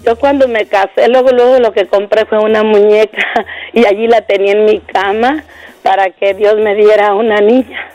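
A middle-aged woman sharing a childhood memory on a radio show, soft and wistful. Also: medium pitch, steady tone, moderate pace, dull audio. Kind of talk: storytelling on air.

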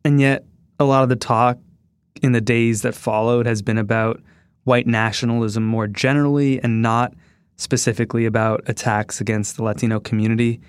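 A man's voice: mid-range voice, steady tone, moderate pace, clean tone, no room sound, clean studio sound. A man hosting a news podcast, asking questions in a conversational way. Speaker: podcast host.

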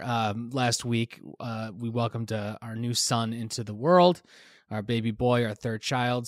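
A man's voice: mid-range voice, no echo, studio quality. A man hosting a podcast in casual chat, laughing often and filling with ums, tired from a newborn at home. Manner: laughs often, filler-heavy, relaxed. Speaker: podcast host.

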